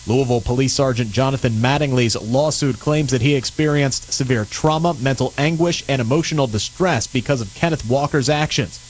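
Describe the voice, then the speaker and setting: A man anchors a radio news bulletin from a script. His voice sits at a middle pitch. A faint hum and hiss runs underneath. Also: fairly quick, hardly any pauses, rough recording.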